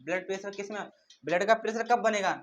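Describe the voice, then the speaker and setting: A man's voice: sits high, fairly even intonation, fast, a little hiss or hum. A male teacher giving a classroom lecture. He asks questions and answers them himself, and repeats key terms in a call-and-response drill.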